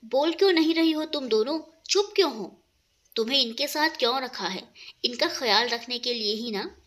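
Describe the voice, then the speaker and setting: Bossy protective rich guy, stern and commanding, woman narrator doing him, high swinging voice. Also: expressive, normal speed, fairly bright tone. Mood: angry. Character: powerful protective man, stern and short-tempered.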